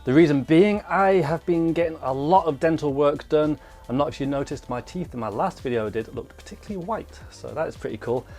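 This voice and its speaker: A man's voice: a little high, brisk, hardly any pauses, a little mellow, faint music behind. A man chatting casually to his vlog viewers, speaking slightly thickly as if the inside of his mouth is swollen. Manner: informal, chatty. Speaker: vlogger, mountain bike trials rider.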